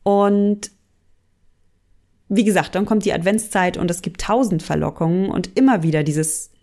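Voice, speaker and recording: A woman coaching on mindful eating, speaking gently and directly to the listener and sometimes acting out inner voices with sighs. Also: on the low side, normal speed. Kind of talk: coaching podcast monologue.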